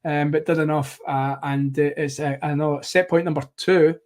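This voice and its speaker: Giving play-by-play commentary during a live tennis watchalong he hosts, a man rambles and corrects himself as he goes. His slightly hoarse voice is on the high side, with a level tone and normal speed.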